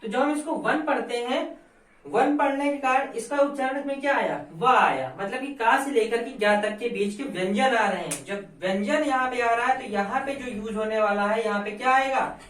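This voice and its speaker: A woman's voice: a little high, normal speed. A woman teaching a grammar lesson, asking questions and answering them herself and repeating the key points. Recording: echoey room, voice from far off.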